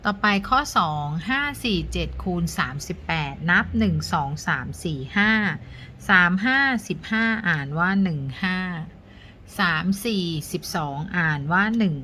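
A woman's voice: lowish voice, expressive, measured pace, bright, forceful tone, slight background noise. A woman teacher patiently walking young students through a math lesson step by step, counting aloud with polite particles.

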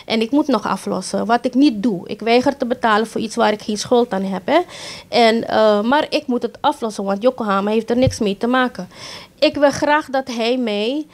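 A middle-aged woman with a Surinamese Dutch accent, telling an interviewer about her own accident in a halting way with many restarts. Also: fairly high pitch. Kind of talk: emotional first-person account in an interview.

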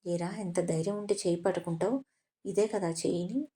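A woman's voice: fairly low pitch, a little fast, dark tone, lightly acted. A woman voicing a hot-tempered, protective young male businessman who scolds harshly in an audio story. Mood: angry scolding.

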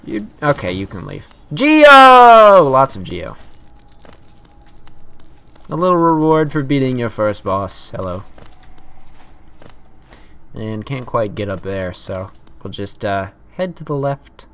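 A young man giving casual commentary while playing a video game, playful and prone to theatrical shouted taunts. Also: fairly low pitch, expressive, unhurried. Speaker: let's play host.

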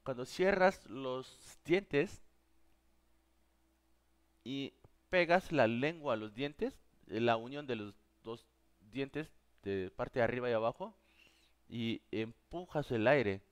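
A man's voice: medium pitch, animated, slow, long pauses, smooth. A man with as his teaching a live online class, patiently answering viewers' questions. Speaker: Korean teacher.

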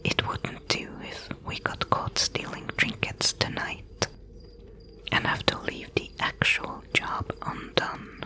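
A woman voicing a wry, bossy thief mentor in a breathy, hushed whispered role-play, giving instructions. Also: slow pace, low-quality recording. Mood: teasing, instructing.

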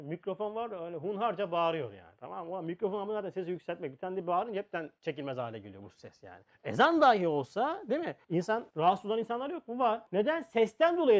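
A man delivering a religious lesson in a lively, up-and-down voice, firing off rhetorical questions and dropping to near-whispers for emphasis. The recording is dull and lo-fi. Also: high voice. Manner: animated, rhetorical questions, swings between loud and hushed. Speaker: religious teacher. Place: on a pulpit or lecture seat.

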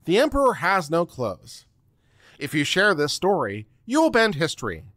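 Speaking at a normal speed, this legal commentary livestream host, a middle-aged man, declaims a text with dramatic emphasis into a close desk mic. His fairly high voice swoops wildly in pitch and sounds a bit bright. No room sound comes through in his close, dry home studio.

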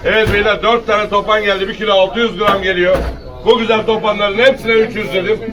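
A man's voice: sits high, level tone, brisk, noisy background. A man working as an auctioneer, calling out lots, weights and bids in repetitive patter. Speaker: fish auctioneer. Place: busy fish auction hall. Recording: distant mic amid crowd chatter. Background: crowd of buyers.

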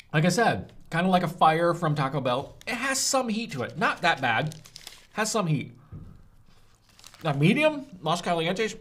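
Animated man reviewing hot sauce. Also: fairly high pitch. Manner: animated, groaning and gasping from the heat. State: mouth burning from hot sauce. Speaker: food reviewer. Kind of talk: casual food review vlog.

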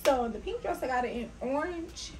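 A young woman, chatting excitedly to her viewers as she shows off her clothing haul. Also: high-pitched, normal speed, slight background noise, rough recording. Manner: chatty, hyped, talks straight to viewers. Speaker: fashion vlogger. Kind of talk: casual haul vlog.

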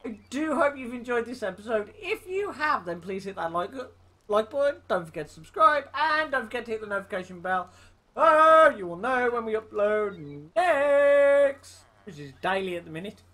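A woman hosting a gameplay video in a casual, jokey way. Her pitch swings freely up and down, and her tone is bright and a little tense. She teases her partner as she talks. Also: expressive, normal speed. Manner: jokey, teasing banter. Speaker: gaming channel host.

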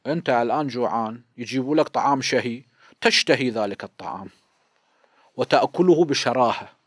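A man's voice: medium pitch, fairly quick, fairly bright tone, slightly rough, no echo, clean studio sound. Iraqi-accented man teaching a religious lesson. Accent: Iraqi Arabic. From Iraq. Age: 50s. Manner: explanatory, asks and answers his own questions. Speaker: cleric teaching a seminary lesson. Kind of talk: religious lesson, explaining hadith.

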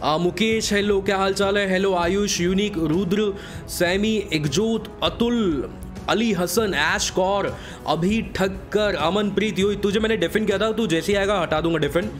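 A man hosting a casual live game stream, voice hoarse from a sore throat, greeting viewers by name in a breezy, joking way. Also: sits high, unhurried, soft background music.

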